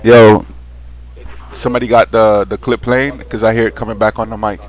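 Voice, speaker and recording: A man's voice: lowish voice, little pitch movement, normal speed. A young man talking casually to the camera in a loose, slangy way, full of fillers and restarts, frankly airing a grievance. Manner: aggrieved, frank venting. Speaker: vlogger. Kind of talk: casual vlog monologue.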